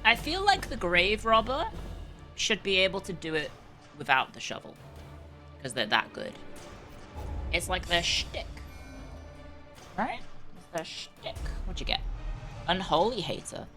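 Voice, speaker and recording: Casting note: chatty woman streamer, animated intonation, casual live commentary over clear game music. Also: on the low side, unhurried, long pauses. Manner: chatty, reacting aloud with exclamations. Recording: music behind the voice.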